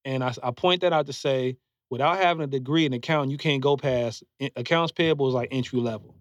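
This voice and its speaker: A man's voice: mid-range voice, fast talker, dry recording. A man in his forties in casual podcast chat, talking loosely with many fillers and restarts while giving earnest advice. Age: 40s. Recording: dull, slightly muffled dry recording.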